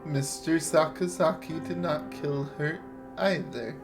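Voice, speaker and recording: A man voicing a sinister, condescending male bird doctor in a game, speaking with slow, silky, menacing politeness. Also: on the high side, fairly even intonation. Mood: sly. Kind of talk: reading visual novel dialogue aloud. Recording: faint music behind.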